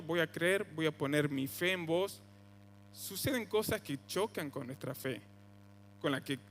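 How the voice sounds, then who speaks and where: A young man with an Argentine accent, preaching a sermon in a conversational way, his voice jumping higher on quoted cries. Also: a bit bright, big-room sound. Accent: Argentine Spanish (voseo). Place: church hall.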